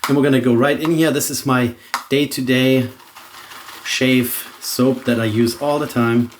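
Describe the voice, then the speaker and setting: There's a faint hiss or hum as a middle-aged man from Germany, speaking with a native German accent, gives a casual shaving demonstration in an unhurried, mid-range voice. He muses aloud as he goes, restarting often in a relaxed manner.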